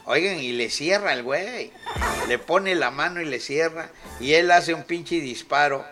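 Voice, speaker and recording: Slow-talking Mexican radio host, cursing. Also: male voice, a little high, over music. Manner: profane, rambling, laughs often. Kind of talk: casual radio chat, retelling a film.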